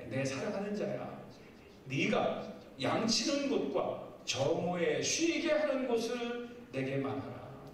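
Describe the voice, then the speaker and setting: A middle-aged male pastor preaching a sermon, reading scripture slowly and acting out little scenes with lively shifts. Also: high-pitched. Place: seminar hall. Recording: very echoey hall, voice from far off, faint noise.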